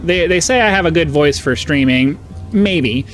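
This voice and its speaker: Here the gaming host talks at a moderate pace in a high-ish, animated, somewhat nasal voice, rambling and getting distracted with frequent fillers. Faint music plays behind him on a rough recording.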